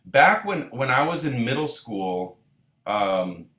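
With a medium-pitched voice and a slow pace, a band leader from Israel chats informally and at length. Reverb colors the recording, and he comes across as laid-back, meandering, and full of fillers and restarts.

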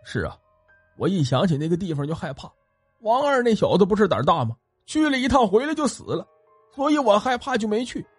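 A frightened peasant farmer, voiced by a man, whining and pleading in a husky voice. His pitch swings widely in a close, dry storybook recording. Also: no echo, full character voice.

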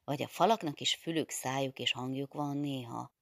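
Low, gravelly woman reading a novel. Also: no echo, clean studio sound. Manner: measured, steady reading. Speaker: audiobook narrator. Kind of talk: literary audiobook narration.

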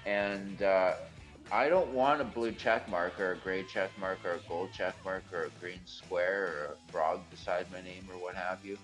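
A man with a gravelly smoker's voice giving a candid, theatrical, rambling personal monologue as a host, in a wordy way. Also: deep voice, fairly even intonation, moderate pace, faint music behind.

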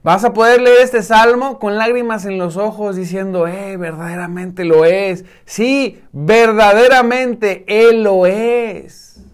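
Man, preacher, sermon, high voice, emphatic, repeats words, soft intense drops. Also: fairly even intonation, slow.

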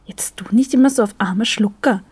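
A woman's voice: a little high, moderate pace, a little mellow, slightly rough, no room sound. A woman voicing a snippy, defensive young woman in an audio story. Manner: snippy, annoyed.

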